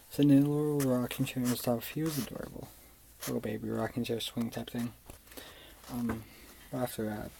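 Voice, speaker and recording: A man's voice: mid-range voice, gravelly, background noise. A young man rambling through a personal story in a casual vlog, swearing often and using lots of fillers. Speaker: vlogger.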